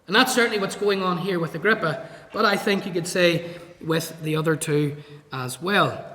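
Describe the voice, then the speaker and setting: A man's voice: sits high, moderate pace, a bit bright. A man preaching a sermon in a church, reading scripture verses aloud and explaining them. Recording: echoey church hall.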